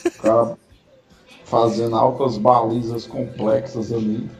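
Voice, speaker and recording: A man's voice: medium pitch, flat delivery, measured pace, vocal fry, far from the mic, over music. A man co-hosting a live stream in laid-back, jokey banter that swears freely, his mic audio echoing back. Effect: his mic audio echoes back. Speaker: podcast co-host.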